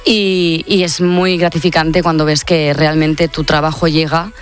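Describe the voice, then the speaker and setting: A young singer from Catalonia, Spain, chats as a guest in a casual radio interview, upbeat and talkative with lots of fillers. Her voice is low and unhurried with little pitch movement, and faint music plays behind her.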